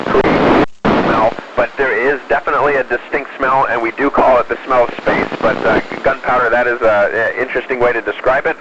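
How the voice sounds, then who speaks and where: An astronaut answering questions from aboard the space station over a breaking-up radio link, explaining things in a measured way with frequent fillers. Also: male voice, mid-range voice. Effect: breaking-up space-to-ground radio link. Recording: muffled radio downlink with loud static.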